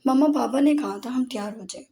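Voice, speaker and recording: A woman's voice: sits high, brisk, gravelly, warm tone. A woman voicing a pampered, sulky young girl in an audiobook novel, with a whiny, pouting manner.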